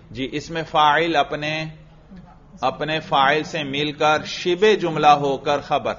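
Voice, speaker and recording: A man teaches a grammar class, firing short questions at his students and praising their answers. His voice sits at a middle pitch. The lecture recording sounds dull and lo-fi. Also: fairly bright tone. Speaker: religious school teacher.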